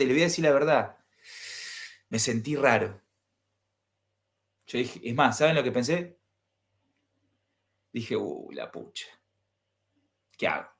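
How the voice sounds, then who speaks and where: A man with an Argentine accent, a pastor, tells a personal story to his listeners in a lively way, acting out the dialogue and asking them questions. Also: mid-range voice. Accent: Argentine Spanish. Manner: animated, acts out dialogue and asks the listeners questions.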